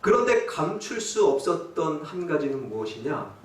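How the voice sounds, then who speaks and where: A man's voice: a little high, big pitch swings, moderate pace. A male pastor preaching a sermon, dramatic, asking rhetorical questions and acting out quotes in dialect. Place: church sanctuary. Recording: echoey church from a distant mic.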